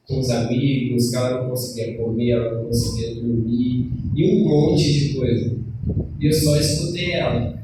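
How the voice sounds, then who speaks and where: A man's voice: medium pitch, background noise. A man with a Brazilian Portuguese accent, a preacher and schoolteacher, preaching a sermon and telling a story from his classroom to the congregation. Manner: storytelling with acted quotes, addresses the congregation. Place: church hall. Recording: echoey church from far off, faint ambience.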